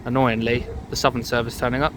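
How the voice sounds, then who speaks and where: A man's voice: medium pitch, level tone, fast. A man giving casual, off-the-cuff trainspotting commentary. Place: outdoor railway station platform. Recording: outdoor station with clear train noise.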